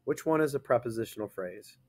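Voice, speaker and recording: Male classroom teacher, mid-pitched, leads a grammar lesson, reads aloud slowly, checks in with students. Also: animated, darkish tone.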